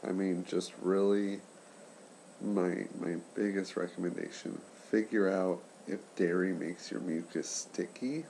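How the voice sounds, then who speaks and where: A man in his late twenties chatting casually in a subdued, halting way, with congested, slightly impaired speech after nose and throat surgery. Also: sits low, steady tone, dark tone, a little hiss or hum, poor audio. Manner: subdued, keeping voice down for a sleeper; halting, trailing pauses. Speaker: patient sharing surgery recovery. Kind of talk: casual vlog chat.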